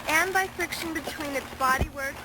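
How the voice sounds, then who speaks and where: High-voiced woman reciting on noisy camcorder audio. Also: normal speed. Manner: recited, formal wording. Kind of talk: scripted narration of a physics explainer. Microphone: camcorder microphone. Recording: amateur camcorder audio with clear background noise. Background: ambient noise.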